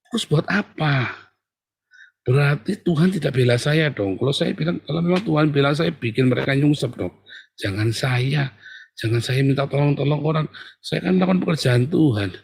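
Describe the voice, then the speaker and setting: A man preaching a sermon in a colloquial, teasing way, swinging from loud outbursts to near-whispers. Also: medium pitch, husky. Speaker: pastor.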